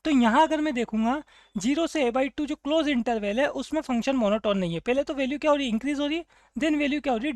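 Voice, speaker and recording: A woman's voice: sits high, darkish tone, dry recording. A woman teaching a math problem, asking the class questions and answering them herself. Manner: asks and answers her own questions, "clear?" checks. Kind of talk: explaining a math problem on a board.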